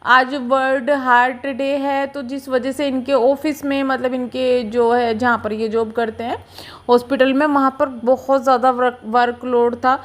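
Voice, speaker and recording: A young woman narrating her daily home vlog in a chatty, confiding, unhurried way, talking to viewers like a friend. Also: high voice, flat delivery. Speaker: vlogger.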